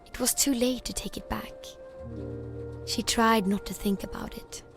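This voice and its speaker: A woman's voice: on the high side, fairly even intonation, unhurried, over music. A woman giving scripted storybook narration in a game.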